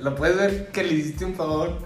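A man, chatting casually and making calm, reasonable remarks. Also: a little high, normal speed. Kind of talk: casual chat. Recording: echoey room, faint music.

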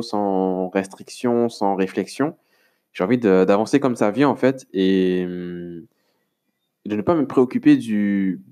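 A man from France with a somewhat low voice hosts his solo podcast. He talks at length in a relaxed, rambling way, stopping often on fillers and restarting his sentences as he addresses the listener informally. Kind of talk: casual solo podcast monologue.

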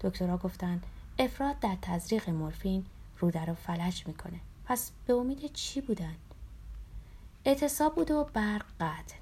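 A woman's voice: on the low side, a little hiss or hum. Somber woman reading a memoir. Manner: calm, somber storytelling. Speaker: narrator.

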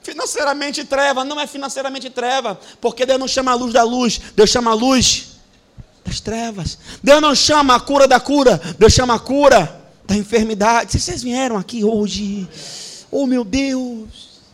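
A Brazilian pastor with a notably high voice preaches at a church service. He hammers his points through repetition and swings between hushed asides and shouted declarations. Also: moderate pace. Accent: Brazilian Portuguese. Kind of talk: sermon.

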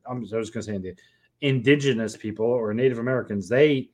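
A man's voice: mid-range voice, quick pace, a little mellow. Crude, playful joking man. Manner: crude, playful, laughs easily. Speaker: podcast co-host. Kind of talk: casual comedic banter.

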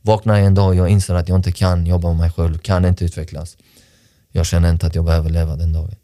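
A man's voice: low voice, level tone, warm tone, no echo, studio quality. A man talking about his past in a podcast interview, earnest and reflective, often restarting his sentences. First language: not Swedish. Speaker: podcast guest, sports director. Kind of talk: personal interview talk.

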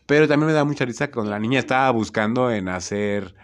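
With a crowd audible behind him, a young man with a Mexican Spanish accent speaks fast in a medium-pitched voice. He's telling funny stories casually, laughing, animated, and acting out the different voices.

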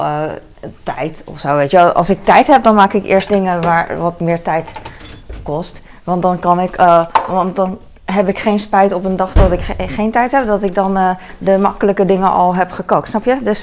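A woman's voice: medium pitch, noisy background. A middle-aged woman chatting casually in her home kitchen, rambling with many fillers. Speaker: vlogger. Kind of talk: casual vlog chat. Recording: clattering dishes nearby. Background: clinking dishes and cutlery.

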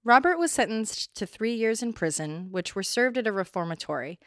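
A woman's voice: fairly high pitch, animated, a little fast, dry recording, clean studio sound. A woman hosting a true crime podcast, reading a scripted account and breaking in with blunt, opinionated asides.

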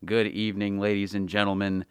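A man's voice: lowish voice, little pitch movement, brisk, smooth, no room sound, studio quality. A man hosting a college radio sports show, speaking in a formal announcer style.

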